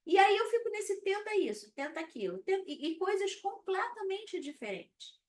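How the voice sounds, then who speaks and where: A woman's voice: very high-pitched, sing-song, normal speed, darkish tone. Woman talking slightly off-mic. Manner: conversational, frequent "tá?" check-ins. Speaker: infant sleep consultant. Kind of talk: live-stream talk to viewers. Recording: slightly distant mic with faint background noise.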